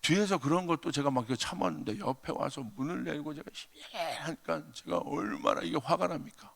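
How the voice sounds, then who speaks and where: In a church sanctuary, a male pastor preaches an emphatic revival sermon, shouting hallelujahs and telling stories. His voice is fairly high, expressive and brisk, with vocal fry, and the long reverb of the church hall trails behind him.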